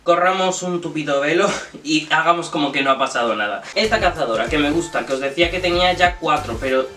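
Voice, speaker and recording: A man's voice: fairly high pitch, fast, reverberant, far from the mic. Chatty young man vlogging. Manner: chatty, animated, jokey asides. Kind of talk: casual haul vlog. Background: background music.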